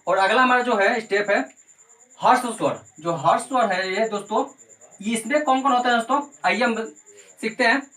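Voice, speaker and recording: A man's voice: very high-pitched, normal speed, sharp tone, low-quality recording. A man with a Hindi accent teaches an exam-prep lesson and keeps coming back to the same points. He poses a question to his viewers, calls them "friends" and then answers it himself. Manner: repetitive, keeps saying "friends", asks and answers own questions.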